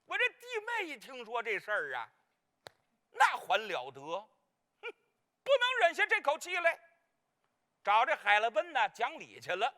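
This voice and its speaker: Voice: medium pitch, huge pitch swings, unhurried, pauses often, sharp tone, full character voice. A performer playing a comic, gossipy married woman in Peking opera, speaking with a Beijing accent in a rambling, bumbling way. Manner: rambling, bumbling, fumbles names. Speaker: clown role in a staged opera.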